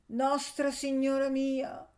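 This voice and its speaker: A shrill, superstitious young village woman frets in a high, stretched voice, as a woman reader puts her on. Her words come slow and drawn out, full of fear, in a storybook telling. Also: completely flat delivery, darkish tone. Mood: fearful. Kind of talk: audiobook character voice.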